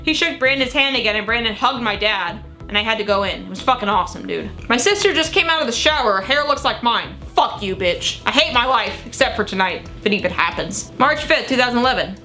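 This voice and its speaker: A young woman with a bright, rather high voice reads her teenage diary aloud. She is theatrical and gushing, exclaiming and dropping into blunt, sweary asides. Music plays behind her. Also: expressive, fast, hardly any pauses. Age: young adult. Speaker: vlogger. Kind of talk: reading old teenage diary entries aloud with casual commentary.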